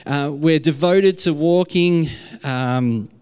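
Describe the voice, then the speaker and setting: A man's voice: a little high, takes it slowly, a little mellow, clean tone. A man with a broad Australian accent preaching an informal sermon in an earnest, conversational way. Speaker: preacher at a church.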